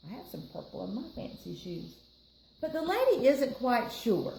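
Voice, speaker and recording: With a fairly high, very animated voice that's creaky and mellow, an American storytime reader at the library reads a picture book to children at a moderate pace. She keeps up chatty, explanatory asides directed at listeners and her co-reader. The recording carries a roomy echo and faint background noise.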